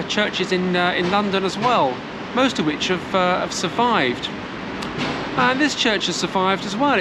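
Chatty woman vlogging on a noisy street. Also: mid-range voice. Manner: chatty, hesitant with many fillers and restarts. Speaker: travel vlogger. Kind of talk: casual history walking tour. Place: outdoors in a city churchyard and street. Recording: loud city background noise.

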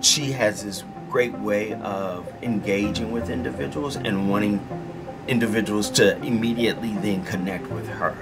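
A man's voice: fairly low pitch, moderate pace, music in the background. A middle-aged man, a university official, speaking fluently in an office interview.

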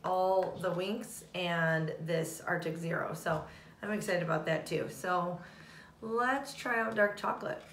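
A woman co-hosting a home taste-test vlog and giving short, blunt verdicts. Her voice sits lower than most women's. The sound is echoey, with a faint hiss behind it. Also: measured pace, fairly bright tone. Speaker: vlog co-host. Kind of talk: casual taste-test chat. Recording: echoey room with faint noise.

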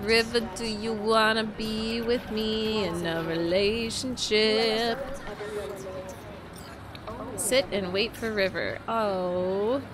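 A young woman doing casual, playful let's play commentary for viewers into a close desk microphone, with expressive reactions. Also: on the high side, slow pace, long pauses, crowd noise. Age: young adult. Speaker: game streamer. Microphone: close desk microphone with headset headphones.

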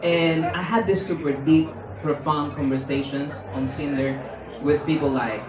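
Performing stand-up in a small club, this young comedian from Spain speaks with a Spanish accent at a slightly slow pace, animated and playful, slipping into high mock voices when quoting people. The handheld mic is heard from a distance in a roomy space, with a noisy background and the audience laughing.

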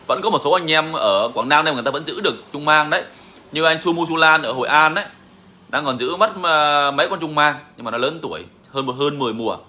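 Man, fairly high pitch, forceful tone, emphatic, repeats himself, casual live Q&A. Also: fast. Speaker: songbird breeder answering viewers.

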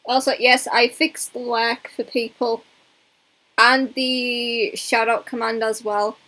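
A young woman chats away to her stream while she plays, rambling and poking fun at herself. Her voice sits a little high, and she takes her time with each thought. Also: little pitch movement, takes it slowly, pushed and bright, poor audio. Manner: chatty, rambling, self-mocking. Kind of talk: casual live-stream chat while gaming.

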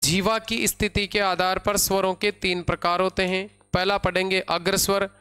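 Smooth-voiced teacher quizzing students. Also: male voice, sits high, level tone, pushed and bright. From India. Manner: repeats key terms and quizzes the class with questions he answers himself; slow, dictating pace when spelling out terms. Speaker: Hindi grammar teacher. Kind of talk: online class lecture.

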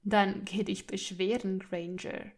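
A woman reading a fan audiobook puts on an arrogant young man who mocks in a calm, unhurried drawl. His voice stays level and amused. Every sneering line comes out slow and relaxed. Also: medium pitch. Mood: mocking.

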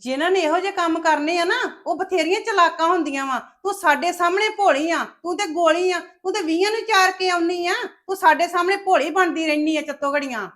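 Actress as a shrill, scheming sister-in-law in a family drama, taunting and accusing. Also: female voice, a little fast, few pauses, a bit bright. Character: scheming sharp-tongued woman, sister-in-law of the household. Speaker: actor in a family web drama.

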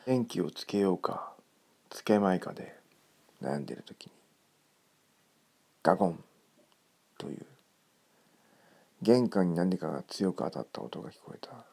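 Hushed, creepy, gravelly man telling ghost stories. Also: sing-song, moderate pace, long pauses. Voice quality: gravelly, breathy low voice, often near whisper. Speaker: ghost story narrator.

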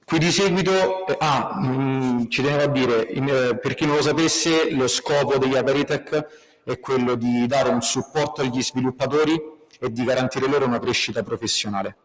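A man with a mid-pitched voice gives opening announcements for a tech meetup before handing over to the speaker. He hesitates often and restarts his sentences, speaking in a lecture hall. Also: normal speed. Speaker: event organizer introducing the speaker. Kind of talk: event announcements.

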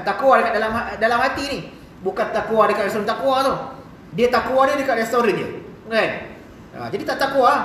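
A man's voice: sits high, fairly bright tone, a little hiss or hum. A man with a Malaysian Malay accent giving a chatty mosque hadith lecture, often asking the hall "eh?" and "kan?". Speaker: religious lecturer. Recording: echoey mosque hall, mic far off.

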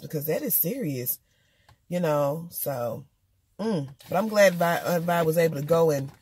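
A woman's voice: on the low side, a little mellow, husky. A woman recapping a TV episode in casual, slangy chat, talking candidly straight to her viewers. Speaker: TV episode reviewer.

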